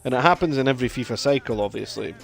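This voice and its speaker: Male streamer, rambling casual commentary, middle pitch, faint music under. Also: rapid-fire, creaky. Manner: chatty, rambling, reacts loudly to play. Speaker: gaming streamer.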